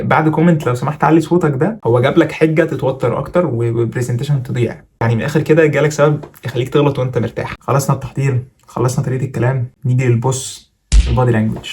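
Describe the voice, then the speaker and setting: A man's voice: mid-range voice, a little mellow. A man with an Egyptian Arabic accent giving presentation tips in a casual, chatty, jokey tutorial vlog. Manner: rapid, chatty, jokey coaching.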